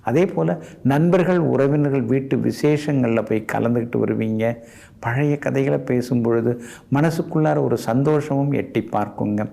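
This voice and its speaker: A male astrologer reads out the daily horoscope. His voice is gravelly and mellow, and his tone is polite and advising. He ends his sentences with respectful, courteous endings. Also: mid-range voice, unhurried.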